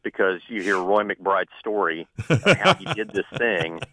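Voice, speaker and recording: A man who is a journalist and author, guest on a radio interview, an animated storyteller who laughs often. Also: sits low, moderate pace, rough recording.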